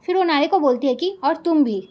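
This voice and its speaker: A woman's voice: sits high, brisk, lo-fi sound. A woman narrating a drama recap in a casual storytelling way, retelling each character's lines with frequent fillers.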